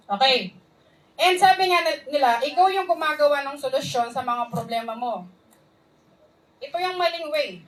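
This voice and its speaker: Woman preacher, high voice, earnest sermon, heard from a distance. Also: a bit bright. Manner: earnest, mixing English phrases, asks the crowd for responses.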